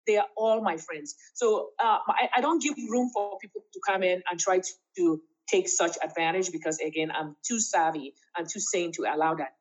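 A woman's voice: fairly low pitch, moderate pace, few pauses, rough recording. A woman in her fifties, an interview guest talking in an emphatic, laughing way with big upward swoops. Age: 50s. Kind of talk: casual interview chat.

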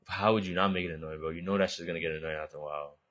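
A man's voice: sits low, steady tone, racing, a bit bright. A young man co-hosting a podcast, chatting casually in a slangy, laid-back way with frequent swearing. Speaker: podcast co-host. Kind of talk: casual chat.

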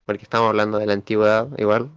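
A man's voice: fairly low pitch, monotone, very fast, fairly bright tone, clean tone, no echo, highs cut off. A man with a Chilean accent co-hosting a casual chat, rambling and tripping over words as he reads aloud. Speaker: podcast co-host.

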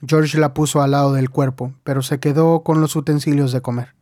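Fairly high-voiced male storyteller. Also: flat delivery, brisk, dark tone, no room sound, clean studio sound. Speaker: audiobook narrator. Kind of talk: scripted narration.

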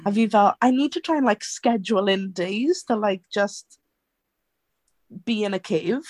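Woman, Welsh accent, medium pitch, very dry sound, casual chat. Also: a little slow, darkish tone, no room sound.

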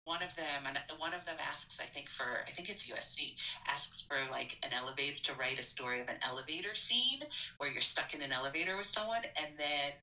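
A middle-aged woman, an admissions counselor, telling a story in a casual interview, animated and laughing often. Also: fairly quick, poor audio. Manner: animated, laughs often, acts out quotes in a high voice.

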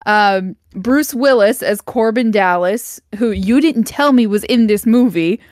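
A woman's voice: on the high side, unhurried, darkish tone, no room sound, studio quality. A young woman co-hosting a podcast in casual chat, laughing easily and hesitating with fillers. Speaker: podcast co-host.

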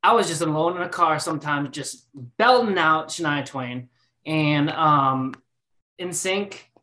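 A young man in his late twenties chats loosely about his musical past on a podcast, taking his time. His voice is bright and unhurried, with plenty of ums, likes and false starts. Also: a little high. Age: 20s. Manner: rambling, full of fillers and restarts. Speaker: band singer. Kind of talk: casual podcast interview.

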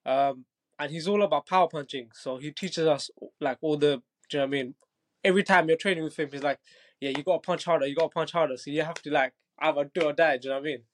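This guest, a young Muay Thai fighter from Bangladesh in his twenties, talks fast in a relaxed interview, his voice slightly higher than typical for a man. Confident and laid-back, he laughs readily and keeps asking "do you know what I mean," with a little hiss or hum in the audio.

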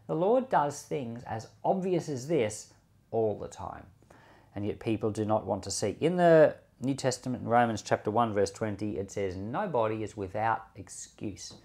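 A man with a medium-pitched, slightly mellow voice speaks as a pastor on a Bible teaching podcast featuring commentary and prayer. He explains scripture conversationally, using rhetorical questions.

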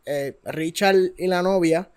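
A man's voice: fairly high pitch, slow pace, smooth. A man, insisting on being heard and explaining himself in casual chat. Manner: insistent, repeats words to get the floor.

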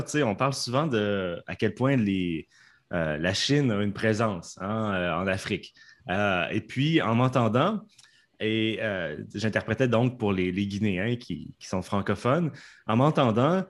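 A Canadian man with a Canadian French accent, working as an interpreter, is interviewed for a podcast from his home studio. His voice is lowish and animated, moving at a measured pace, but he hesitates a lot, with many fillers and restarts.

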